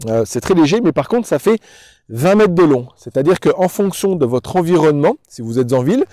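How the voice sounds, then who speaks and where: A man's voice: on the high side, big pitch swings, a little fast, mellow, dry recording. A man working as a dog trainer, explaining things in a didactic, instructional way and addressing the viewer directly. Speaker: dog trainer presenting a tutorial.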